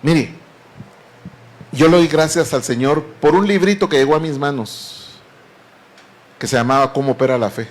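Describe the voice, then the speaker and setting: A man's voice: a little high, normal speed, pauses often. A man preaching a sermon, earnestly and often addressing the congregation as beloved brethren.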